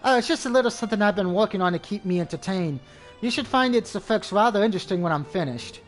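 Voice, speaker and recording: Man voicing a sing-song witch lady, teasing, high, faint music. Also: lively intonation, fast.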